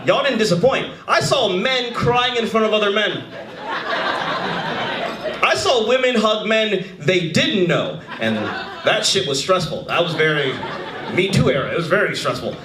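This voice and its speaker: A man in his thirties doing a stand-up comedy set, animated and shouting his punchlines. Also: sits high, measured pace, noisy background. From United States. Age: 30s. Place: comedy club stage before a live audience. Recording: roomy club with crowd laughter. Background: audience laughing.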